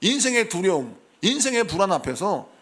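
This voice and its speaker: A middle-aged male pastor preaching a lively sermon in a church, acting out anxious voices as he goes. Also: high voice, a little fast, slightly rough. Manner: animated, acts out voices of worried believers. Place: church sanctuary.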